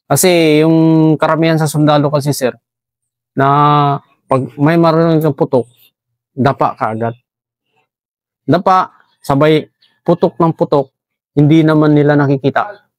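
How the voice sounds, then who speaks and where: Army guy from basilan, says sir every other word, bit high voice, dry sound. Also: steady tone, dry recording. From Basilan, Philippines. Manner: deferential, says "sir" after nearly every phrase, halting. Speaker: army staff sergeant. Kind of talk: interview answers.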